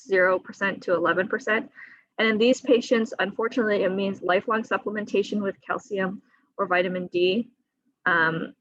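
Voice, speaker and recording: A woman surgeon on a video call, explaining surgery risks to patients in a clear, teaching manner with a few fillers. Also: mid-range voice, a bit bright, no room sound, muffled recording. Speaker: thyroid surgeon. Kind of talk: patient education talk. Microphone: computer mic on a video call.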